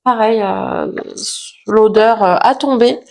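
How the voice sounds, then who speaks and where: A woman's voice: on the high side, slow pace, vocal fry. A woman chatting casually to camera about used-up products, self-mocking, with lots of fillers. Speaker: vlogger reviewing finished products.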